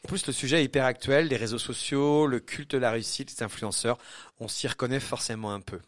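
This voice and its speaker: A man's voice: mid-range voice, brisk. Chatty male radio film critic. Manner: chatty, filler-heavy, laughs easily. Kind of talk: casual radio film review.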